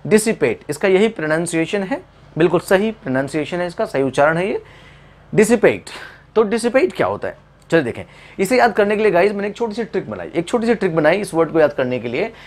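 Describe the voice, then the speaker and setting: Hindi-English mixing male teacher, lively. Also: high voice, quick pace. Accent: Indian English. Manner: mixes Hindi and English, asks questions and answers them himself; repeats key points, instructive and lively. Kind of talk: classroom lesson to camera.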